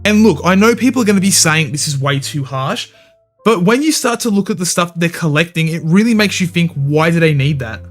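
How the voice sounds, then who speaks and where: A man with a high voice hosts scripted commentary for a gaming channel. He gives his opinions bluntly and swears casually. Soft music plays quietly under his voice. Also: lively intonation, brisk.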